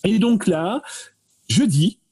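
A man talks through a story in loose, chatty fashion, doubling back and filling pauses as he goes. His voice sits a little high, with a husky, mellow tone. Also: expressive. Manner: digressive, many fillers and restarts. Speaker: guest expert. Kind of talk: casual explanatory chat.

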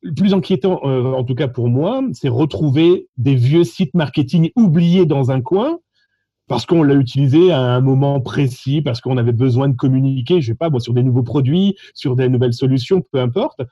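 A man from France with a French accent, telling stories animatedly in a lively, joking way about his contest calls. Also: medium pitch, normal speed, dry recording, lo-fi sound. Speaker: social engineering contest participant. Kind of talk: animated conversational storytelling.

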